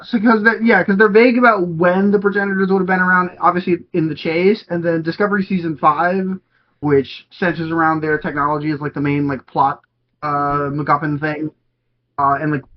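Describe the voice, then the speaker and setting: A man co-hosting a podcast in casual chat, rambling with lots of fillers and restarts. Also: fairly high pitch. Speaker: podcast co-host. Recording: dull lo-fi audio.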